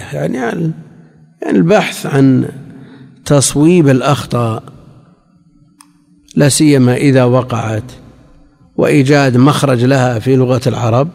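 A man with a gravelly, mid-pitched voice gives a scholarly lecture, unpacking each point carefully. He recites example phrases and repeats them as he explains. The recording has the long reverb of a large hall. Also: a little mellow. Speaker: religious scholar teaching. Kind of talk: lecture on religious law and grammar.

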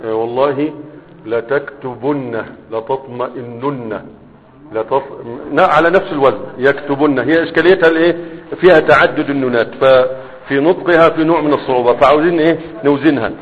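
A man teaching an Arabic grammar lesson to students, with an Egyptian accent, drilling verb forms slowly and checking in with "right?" and "huh?". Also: a little high, in a large hall, lo-fi sound.

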